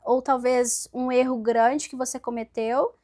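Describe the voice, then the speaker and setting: Woman, podcast host, high voice, conversational, asks probing questions. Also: steady tone, measured pace, a little mellow. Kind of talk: casual interview chat.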